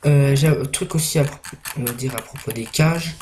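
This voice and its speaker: A man's voice: medium pitch, moderate pace, background noise. A young man giving casual gameplay commentary, rambling and hesitant with many fillers and restarts. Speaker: gaming YouTuber.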